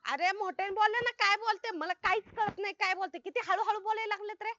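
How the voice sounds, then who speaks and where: An actress playing a loud, bossy village woman who talks in a rustic, scolding way. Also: very high-pitched, quick pace, no room sound. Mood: bossy, puzzled. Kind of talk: comic web film acting. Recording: dull, dry film sound.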